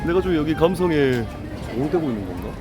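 Casting: man in his 30s, vlog host, teasing and playful, slightly high voice, music behind. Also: sing-song, fast. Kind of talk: casual chat on a date.

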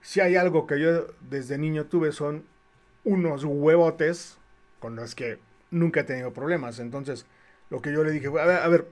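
A middle-aged man with a Mexican accent tells a story from his past on his livestream. His slightly high voice is casual and animated. He often stumbles and restarts his phrases as he goes. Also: a little slow. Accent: Mexican Spanish. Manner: lively and animated, with many restarts. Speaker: comic artist and livestream host.

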